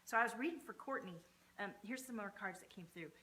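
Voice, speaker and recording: A woman's voice: medium pitch, animated, fast, sharp tone. A woman giving an informal, sweary motivational pep talk as a coach on a livestream, with emphatic, punchy delivery. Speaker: energy coach hosting a livestream.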